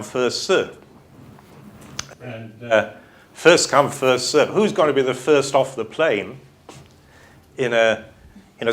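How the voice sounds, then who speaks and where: A man's voice: medium pitch, a bit bright. A man with a British accent giving a university lecture and answering audience questions in a conversational way, thinking aloud with restarts.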